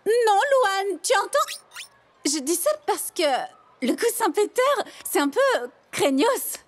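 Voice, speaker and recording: High, slow-spoken sweet new girl, cartoon dub with music. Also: very animated, a little hiss or hum, heavily acted. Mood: earnest. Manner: bubbly, earnest, slow and careful. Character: eager, friendly new girl.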